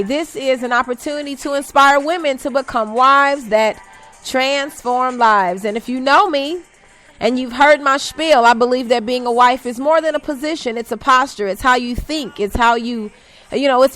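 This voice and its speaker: A woman hosts an inspirational talk radio show in a slightly high voice. She talks in an upbeat, teasing way and catches her own slips. Faint music plays underneath. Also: fairly bright tone. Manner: stumbles and corrects herself.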